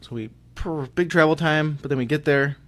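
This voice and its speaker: A man co-hosting a podcast, recounting a trip in a steady, matter-of-fact way. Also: on the high side, fairly quick. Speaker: podcast co-host. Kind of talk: casual podcast chat.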